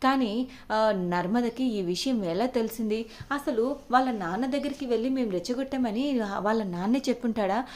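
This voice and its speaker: A woman's voice: fairly high pitch, normal speed. A woman narrating a recap of a TV serial episode, acting out the characters' lines as she goes. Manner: animated retelling, acting out quoted dialogue.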